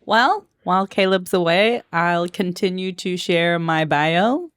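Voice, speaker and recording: A woman's voice: fairly low pitch, slow, clear, resonant tone. A woman in her thirties, a mother and music teacher, co-hosting a family podcast in a giggly, self-conscious, teasing way. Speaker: podcast co-host. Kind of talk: casual chat.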